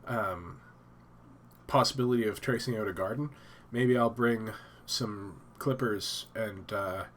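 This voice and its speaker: A man's voice: fairly low pitch, unhurried, fairly bright tone, a little hiss or hum. A man hosting a casual live stream from his home office, stuffed up and thinking aloud with many fillers and restarts.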